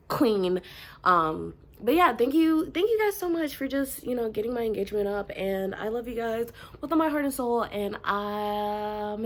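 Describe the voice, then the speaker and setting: A young Southern woman with a congested, stuffed-up voice chats casually with her viewers, peppering her talk with ums and y'alls. She's a YouTuber who reads Reddit stories, speaking at medium pitch with a fairly bright tone, recorded indoors in a room at home with a little hiss or hum.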